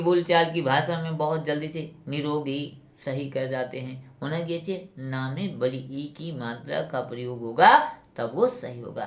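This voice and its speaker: A woman's voice: on the low side, fairly bright tone. A woman teacher going through a spelling lesson, reading each word aloud and then correcting it with a question. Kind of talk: spelling lesson for exam students.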